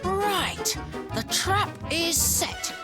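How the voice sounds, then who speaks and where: A woman's voice: extremely high pitch, very slow, full character voice. A woman playing a mischievous, determined young boy ringleader in a cartoon, bold and scheming. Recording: music behind the dialogue.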